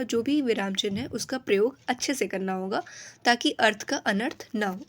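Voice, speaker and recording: A woman teaching a grammar lesson, explaining each term and then repeating it in simpler words. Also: a little high.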